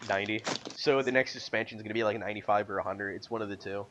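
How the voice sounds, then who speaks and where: A man's voice: fairly low pitch, steady tone, racing, dull audio, background noise. A man co-hosting a casual gaming podcast, rambling and hesitant with lots of fillers. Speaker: podcast co-host.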